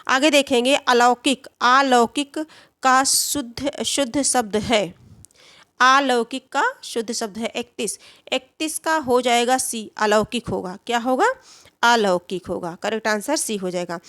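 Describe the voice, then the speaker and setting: A woman's voice: a little high, fairly bright tone, no room sound, clean studio sound. A woman teaching a Hindi spelling exam lesson, who repeats each answer and asks and answers her own questions.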